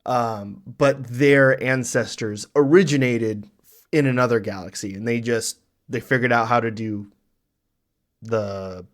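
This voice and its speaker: A man in the middle of a loose reaction chat, talking at an ordinary pitch and wandering through long explanations of backstory. he goes on in a relaxed, unscripted way, circling back to add details as he thinks of them. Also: a little slow. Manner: rambling, explains lore at length. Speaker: reaction show host. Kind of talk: casual chat.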